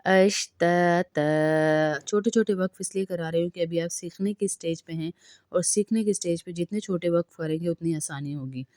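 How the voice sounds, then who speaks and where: A woman teaching Quran recitation, reciting slowly word by word and explaining pronunciation rules in between. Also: on the low side, dark tone, no room sound, studio quality. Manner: slow drawn-out recitation, brisk explanations between. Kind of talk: slow recitation lesson with explanations.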